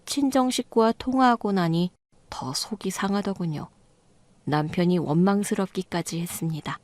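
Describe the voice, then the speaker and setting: A woman's voice: on the low side, darkish tone, no room sound. Dry, close female story narrator. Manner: plain, measured storytelling. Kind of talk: scripted first-person narration of a radio story.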